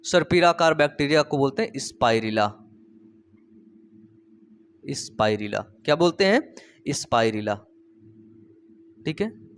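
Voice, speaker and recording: A male biology teacher with a high, very animated voice, telling playful stories to explain his lesson. He keeps asking his listeners questions and repeating the terms back to them. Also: a little fast, a little hiss or hum. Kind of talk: storytelling classroom lecture.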